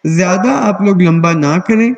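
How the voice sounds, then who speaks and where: A man's voice: sits high, vocal fry, lo-fi sound. A man teaching an online class on Quran recitation rules, explaining patiently and checking in with his students often.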